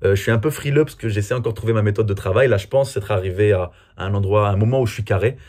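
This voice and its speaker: A man's voice: lowish voice, very fast, darkish tone. A man from France answering viewer questions in a casual, chatty and self-mocking way. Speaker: comedy video creator. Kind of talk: casual Q&A vlog.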